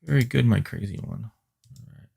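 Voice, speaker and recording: A man's voice: medium pitch, a little fast, gravelly, a little mellow, breathy edge. A man teaching a live-streamed IT class, muttering and grumbling at the computer while he reads out network addresses as he types. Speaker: IT instructor.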